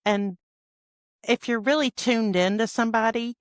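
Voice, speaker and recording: A woman's voice: on the high side, fairly even intonation, moderate pace, no room sound. A woman hosting a podcast, talking in a casual, reflective, conversational way. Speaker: podcast host. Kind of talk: casual chat.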